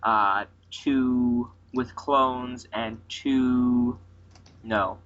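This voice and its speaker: A man co-hosting a podcast, chatting casually and eagerly about new toy sets, quick to cut in and correct. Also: mid-range voice. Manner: excitable, quick to interrupt and correct. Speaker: podcast co-host. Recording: dull lo-fi podcast recording.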